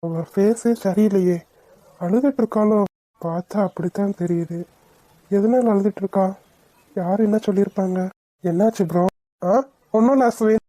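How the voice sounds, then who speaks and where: A woman's voice: medium pitch, normal speed, long pauses, dark tone, dry recording, close to an everyday voice. A woman voicing teasing young men in a cartoon, joking and mocking one another. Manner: bantering, mocking. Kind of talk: cartoon voice acting.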